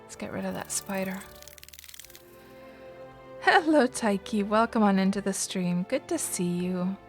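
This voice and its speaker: Soft background music accompanies a chatty game streamer, a native Finnish speaker, who answers her viewers casually and thinks out loud with frequent fillers and restarts. She talks a little slowly, at a medium pitch.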